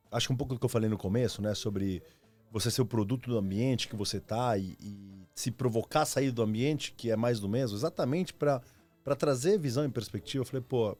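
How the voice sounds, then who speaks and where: Guesting on a podcast, a former marketing executive from Argentina in his 30s recounts his story casually and reflectively, using slangy, informal language. His voice is lowish and a little mellow.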